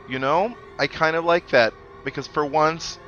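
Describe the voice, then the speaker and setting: A man with a fairly high voice speaks at a normal speed, his delivery pushed and bright, though the audio is dull. He hosts a game playthrough series, chatting casually in let's play style with wry, musing asides and reading the game's on-screen dialogue aloud. Video game music plays behind him.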